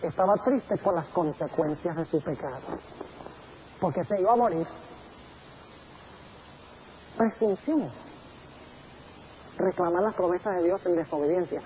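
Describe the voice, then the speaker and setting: A male pastor preaching a sermon in an animated way, acting out the quotes he gives. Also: high-pitched, lo-fi sound, a little hiss or hum.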